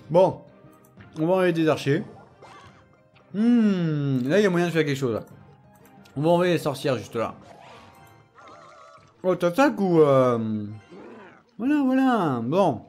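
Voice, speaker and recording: Excitable man doing game commentary. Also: a little high, slow pace, long pauses, faint music behind. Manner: excitable and teasing, often laughing. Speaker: gaming channel host. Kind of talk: casual gameplay commentary.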